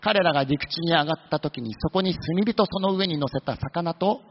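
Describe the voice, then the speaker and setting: A man's voice: on the high side, normal speed, slight background noise. A man preaching a sermon, telling the story with humorous asides. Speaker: pastor. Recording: dull lo-fi sound with long hall reverb.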